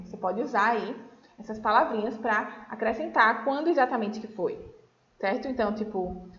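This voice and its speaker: A woman's voice: on the high side, reverberant, lo-fi sound. A woman with a Brazilian Portuguese accent teaching English to children in a recorded lesson, patient and checking in often. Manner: patient, explains slowly, checks in with "tá?" and "certo?". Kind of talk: recorded remote class for children.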